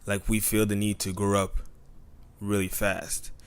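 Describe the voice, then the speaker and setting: Deep-voiced joking young man. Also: little pitch movement, unhurried. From Tampa, Florida. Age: 20s. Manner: joking, rambling, full of "you know". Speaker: podcast co-host. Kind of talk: casual podcast chat.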